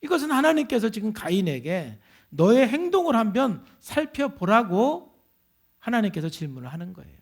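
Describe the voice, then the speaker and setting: High, lively-voiced male pastor preaching. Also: normal speed, vocal fry, breathy edge. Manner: emphatic preaching, speaks directly to the congregation. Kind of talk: sermon.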